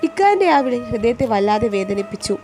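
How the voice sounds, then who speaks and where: A woman's voice: on the high side, sing-song, brisk. Woman narrating, earnest, faint music under the voice. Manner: earnest and reflective. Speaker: storyteller. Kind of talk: first-person story narration. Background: soft music.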